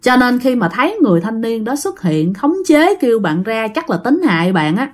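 A woman's voice: a little high, sing-song, moderate pace, darkish tone. Chatty woman telling ghost stories. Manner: chatty, addressing listeners directly. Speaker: storyteller. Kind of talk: casual ghost story narration.

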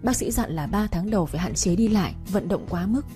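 A woman's voice: mid-range voice, expressive, brisk, warm tone, soft background music, close to an everyday voice. A woman voicing a meek, pregnant young daughter-in-law who speaks politely and pleadingly.

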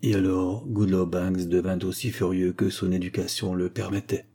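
A man reading a short story aloud as narrator, in a measured storytelling manner. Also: sits low, flat delivery, mellow, slightly rough. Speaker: audiobook narrator. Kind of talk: scripted narration.

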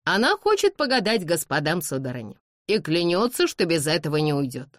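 A harried, servile footman frets and apologizes to his masters, as a woman reader puts him on. His delivery is lively, with a lot of rise and fall. The audiobook sound is dry and close. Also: low voice, brisk, no room sound. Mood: fretful. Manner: apologetic, reporting nervously.

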